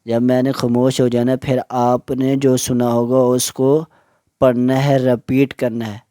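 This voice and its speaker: A male Quran teacher giving a lesson, slowly spelling out letters and syllables, drawn out for learners to repeat. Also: mid-range voice, level tone, dark tone, no room sound, studio quality.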